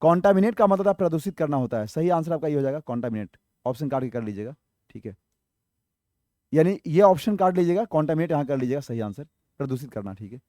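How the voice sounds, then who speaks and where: A man's voice: a little high, lively intonation, fast, warm tone, dry recording, studio quality. A man teaching English vocabulary for an exam, explaining each word, spelling some letter by letter, and asking his viewers questions that he answers himself. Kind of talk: exam-prep vocabulary lesson.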